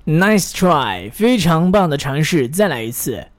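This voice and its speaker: A man's voice: fairly high pitch, big pitch swings. Encouraging male English teacher. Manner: models phrases slowly, then pauses for the listener to repeat; encouraging, praises the learner often. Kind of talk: English pronunciation drill lesson.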